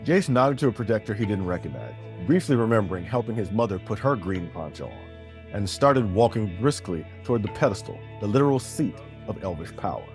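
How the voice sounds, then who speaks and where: A man narrating a fantasy story in a steady, descriptive way. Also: on the low side, brisk, faint music behind.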